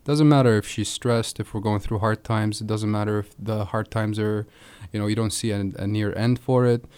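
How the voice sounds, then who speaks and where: A man's voice: on the low side, steady tone, normal speed, darkish tone, smooth, no room sound. A young man, a radio guest, speaking earnestly and with emphasis.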